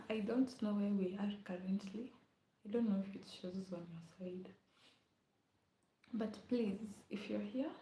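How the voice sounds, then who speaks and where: Soft-spoken young woman streaming live. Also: mid-range voice, a little hiss or hum. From Kenya. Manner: chatty, often drops to a whisper, hums song lines. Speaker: livestreamer. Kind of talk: casual live-stream chat. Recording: echoey room.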